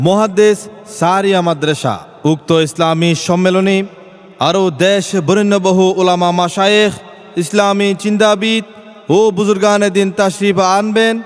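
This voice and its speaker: A man giving a sung jingle and formal event announcement over a PA loudspeaker, in a melodic, drawn-out manner. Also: high voice, clean tone. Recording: long hall reverb with music.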